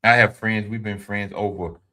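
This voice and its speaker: A man's voice: on the low side, fairly even intonation, moderate pace, bright, forceful tone. A man in his fifties giving informal, preachy advice to his livestream viewers, repeating his points and answering the chat. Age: 50s. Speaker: livestream host. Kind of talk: motivational talk to a live audience.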